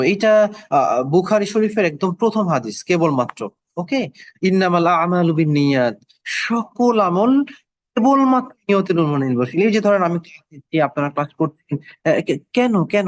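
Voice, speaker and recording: A man's voice: sits high, no echo. A man teaching an online Quran and Arabic class, explaining each word and its meaning step by step, often repeating himself and checking with "okay?".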